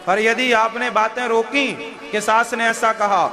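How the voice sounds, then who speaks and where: A man's voice: extremely high pitch, level tone, unhurried. A male spiritual preacher giving a devotional sermon in a homely, coaxing way, drawing answers from his listeners. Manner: homely, coaxing talk that draws answers from the crowd. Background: violin music.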